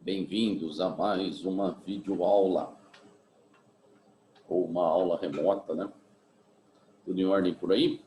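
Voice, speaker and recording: A man with a Brazilian Portuguese accent, a physics teacher giving a remote class in a relaxed, chatty way, full of tag questions. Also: sits low, slow pace, pauses often, roomy sound, a little hiss or hum, low-quality recording. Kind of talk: remote class, casual chat.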